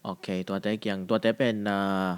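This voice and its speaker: A man hosting a podcast interview in casual chat, mixing English phrases in as he gives advice. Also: brisk. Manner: mixes English into talk, gives advice eagerly. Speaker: podcast host.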